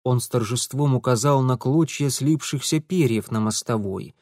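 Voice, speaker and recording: A man's voice: medium pitch, moderate pace, a little mellow, no room sound. Man narrating a story, dry voice. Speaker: audiobook narrator.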